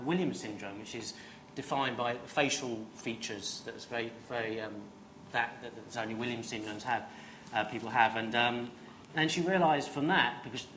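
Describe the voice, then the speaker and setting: A man's voice: medium pitch, a bit bright, a little hiss or hum. Hesitant, rambling man in a roomy venue. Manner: hesitant, rambling, self-deprecating. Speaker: comedian panelist. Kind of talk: live panel show chat.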